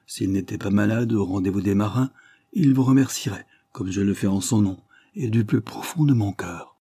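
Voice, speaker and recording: A man reading the part of an earnest, grateful young gentleman in a classic novel audiobook. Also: lowish voice, normal speed, breathy edge, no room sound, clean studio sound. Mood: heartfelt. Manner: earnest, heartfelt.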